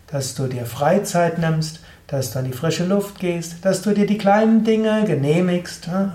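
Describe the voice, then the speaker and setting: Calm German yoga teacher, roomy sound. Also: male voice, fairly high pitch. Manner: calm, measured, addressing the listener directly. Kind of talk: spoken spiritual talk. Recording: roomy echo.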